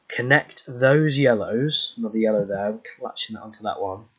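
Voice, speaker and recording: A man talks through a strategy game as he plays. He thinks aloud, hesitating and restarting his sentences, at an ordinary mid pitch. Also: a bit bright, low-quality recording. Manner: thinking aloud, hesitant, self-correcting with ums. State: hiccuping. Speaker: gaming YouTuber. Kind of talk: casual gameplay commentary.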